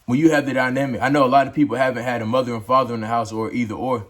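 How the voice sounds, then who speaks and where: A man's voice: medium pitch, steady tone, racing, fairly bright tone. A young adult man talking straight to camera in a casual, preachy way, calling his viewers bro and dog as he gives life advice. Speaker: vlogger. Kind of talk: motivational talk to camera.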